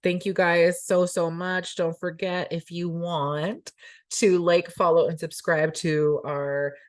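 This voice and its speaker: Woman host of a casual chat podcast, giggly and playful, low-set voice. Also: level tone, slow pace.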